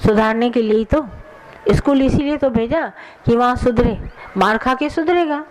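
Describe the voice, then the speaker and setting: A woman's voice: fairly high pitch, normal speed, background noise. A woman spiritual teacher giving a satsang sermon, earnest and admonishing, answering questions from the audience directly.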